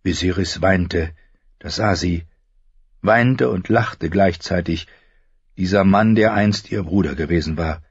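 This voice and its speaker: A man reading a novel aloud in a measured, grave manner. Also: low-pitched, slightly rough, dry recording, muffled recording. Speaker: audiobook narrator. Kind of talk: scripted narration.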